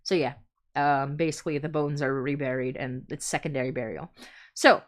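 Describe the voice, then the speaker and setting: Speaking in a low voice with fairly even intonation at a normal speed, this Filipina podcast creator rambles through a relaxed explainer on her fundraising livestream. She thinks aloud and keeps the chat informal.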